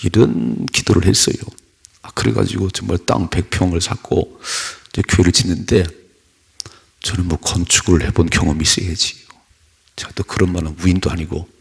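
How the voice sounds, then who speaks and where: A man's voice: deep voice, steady tone, moderate pace, vocal fry, husky. A male pastor giving an early-morning sermon in a church, preaching conversationally with rhetorical questions and personal stories.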